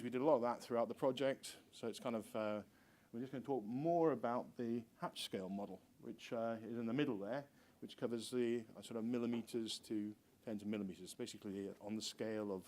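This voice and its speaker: A middle-aged man who is a university researcher, giving a conference presentation in an informal, hesitant, halting way. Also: mid-range voice, a little mellow. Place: lecture room with seated audience.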